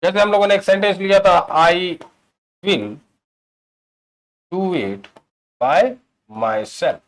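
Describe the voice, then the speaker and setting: A man teaching English grammar in a classroom-style video lesson. He mixes Hindi with English terms, stresses key words and slows right down for example sentences. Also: high voice, very animated. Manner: explains in Hindi mixed with English terms, asks "ठीक है?" often.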